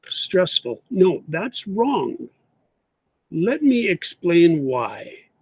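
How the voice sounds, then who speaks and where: A man with a Canadian English accent teaching an English lesson, slowly and deliberately, repeating his example phrases. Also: sits high, big pitch swings, darkish tone, breathy edge, no echo. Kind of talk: explaining English usage in an online lesson.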